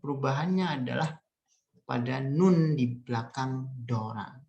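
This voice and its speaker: A male language teacher giving an online lesson, patiently modelling sentences slowly and explaining. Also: medium pitch, creaky, mellow, lo-fi sound, slight background noise. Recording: roomy echo.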